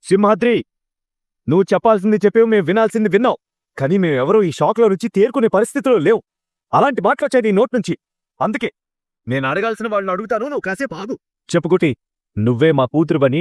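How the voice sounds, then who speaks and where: A man's voice: sits high, expressive, fast, pauses often, dry recording, clean studio sound. A man voicing a stern, commanding wealthy father. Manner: commanding, interrogating.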